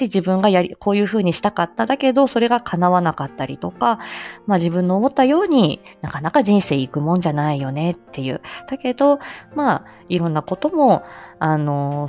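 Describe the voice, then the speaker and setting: Very animated and a little fast, a woman with a lowish, darkish voice chats alone to listeners on her personal audio live stream, hesitant and self-deprecating as she searches for words. The recording is muffled, with faint music behind.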